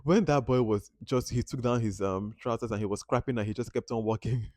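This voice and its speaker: A man from Nigeria, reviewing a film at home in an animated, expressive way, jumping between loud outbursts and quiet asides. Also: mid-range voice, fairly quick, no echo. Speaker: movie reviewer. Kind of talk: casual movie review vlog.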